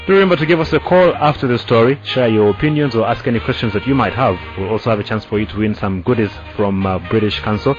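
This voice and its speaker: A man presenting a radio story show, making steady, clear announcements. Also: medium pitch. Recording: muffled radio broadcast with music behind.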